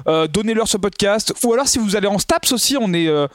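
A man's voice: high voice, expressive, quick pace, fairly bright tone, no room sound, studio quality. A man hosting a casual comedic podcast, playful and jokey, rambling with fillers. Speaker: podcast host.

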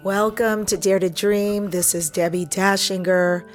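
A woman hosting a radio talk show, chatting casually with a hoarse, husky voice. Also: medium pitch, fairly even intonation, measured pace, faint music behind. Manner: chatty, laughing, informal. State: hoarse, recovering voice.

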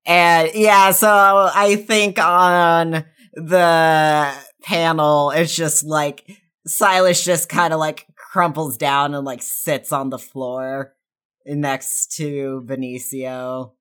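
Very deep-voiced woman playing a tabletop game. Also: fairly even intonation, extremely slow, fairly bright tone, clean tone. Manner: hesitant, filler-heavy. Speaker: player. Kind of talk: casual tabletop play.

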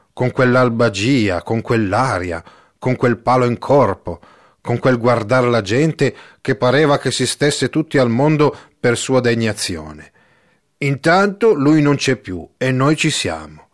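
A man's voice: medium pitch, lightly acted. A man reading the part of a timid, fretful older village priest, talking in fussy, rambling bursts. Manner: fussy, rambling, emphatic exclamations. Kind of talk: audiobook character reading.

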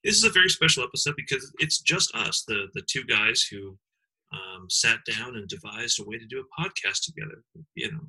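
A man's voice: medium pitch, animated, fairly quick, bright, forceful tone, breathy edge, rough recording. A man co-hosting a comedy podcast, rambling with lots of fillers and ironic asides. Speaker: podcast co-host.

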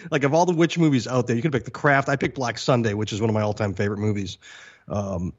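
A man's voice: mid-range voice, fairly even intonation, fast, highs cut off. A man co-hosting a podcast, rambling through stories in casual chat and chuckling often. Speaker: podcast co-host.

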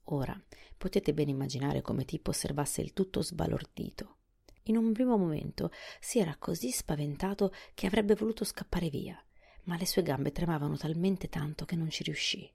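A woman narrating a storybook in a soft, often hushed reading voice. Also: deep voice, normal speed, creaky, slightly rough. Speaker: audiobook narrator.

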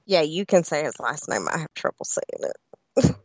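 A woman's voice: low voice, animated, moderate pace, a little mellow, dry recording. A woman chatting casually as a guest on a talk show. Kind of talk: casual chat. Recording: slightly dull, dry audio.

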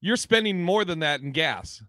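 A male podcast host with a slightly high voice banters casually and swears freely. He jokes around in a conversational way, and the recording is dry with very little room sound. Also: animated, moderate pace, bright, forceful tone, no echo. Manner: profane, jokey.

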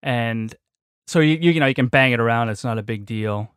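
A man's voice: medium pitch, a little fast, fairly bright tone, smooth, dry recording. Casual male co-host recording from a small closet: dry close sound, mid voice, loose chatty delivery. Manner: rambling, chuckling, filler-heavy. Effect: recorded inside a small closet. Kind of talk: casual chat.

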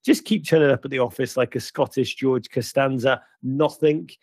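A man's voice: mid-range voice, steady tone, normal speed, a little mellow, breathy edge, no room sound. A man hosting a football podcast, giving casual news commentary with wry, playful asides. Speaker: podcast host.

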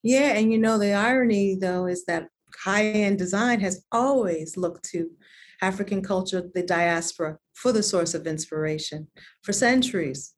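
A designer from Connecticut in the United States is interviewed as a guest in a reflective conversation, speaking earnestly and often repeating words while she gathers her thoughts. Her voice is medium-pitched at a normal speed, with a little hiss or hum in the recording.

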